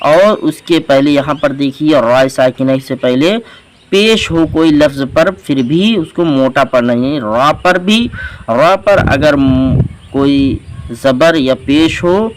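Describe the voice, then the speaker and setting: A man's voice: on the high side, slight background noise, low-quality recording. A man teaching Quran reading, patiently spelling out letters and vowel marks syllable by syllable in a step-by-step lesson. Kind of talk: slow step-by-step recitation lesson.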